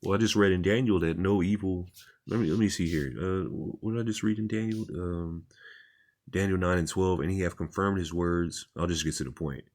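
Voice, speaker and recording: A man's voice: sits low, moderate pace, a little mellow. A man reading articles aloud and commenting on them in an informal, repetitive, plain-spoken way, as a religious commentator.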